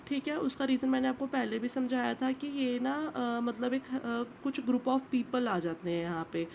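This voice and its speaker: A woman's voice: a little high, normal speed, vocal fry, a little mellow, slight background noise. A woman teaching commerce in an online lesson, patiently explaining step by step and often checking in with the listener.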